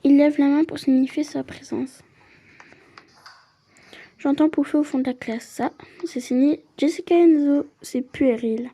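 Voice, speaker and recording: Here a woman plays through a story game casually, voicing the first-person narration and breaking off for chatty comments. High but very warm and mellow with no edge, her voice keeps a fairly even intonation, moves a little slowly, and leaves long pauses.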